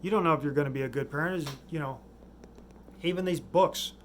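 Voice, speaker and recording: Rambling man with a higher voice. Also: brisk, slight background noise. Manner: rambling, restarts often, trails off into mumbles. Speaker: vlogger. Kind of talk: rambling monologue.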